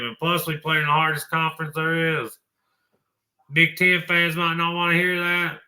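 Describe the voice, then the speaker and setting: Blunt man, very bright tone. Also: a little high. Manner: blunt, folksy, swears casually. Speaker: college football show host. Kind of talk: opinionated sports talk.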